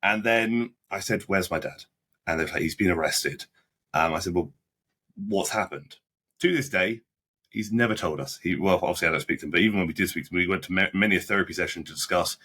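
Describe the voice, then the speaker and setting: Husky-voiced young man telling a story. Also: low-pitched, bright, forceful tone. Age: 20s. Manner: halting, frequent restarts and repeated words; blunt, plain-spoken with British slang. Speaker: podcast guest. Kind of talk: casual interview storytelling.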